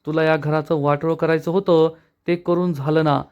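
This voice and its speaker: A man doing a furious aunt who scolds and accuses without pause. The voice is pushed up high and sharp for her. The rant is harsh and relentless. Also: level tone, smooth, dull audio, close to an everyday voice. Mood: angry, accusing. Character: angry scolding middle-aged aunt, woman.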